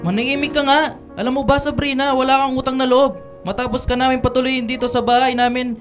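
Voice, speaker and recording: Fast, scolding Filipino father. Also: extremely high pitch, little pitch movement, soft background music. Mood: angry, scolding. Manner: scolding, confrontational. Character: angry, defensive father of a teenage daughter. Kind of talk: radio drama acting.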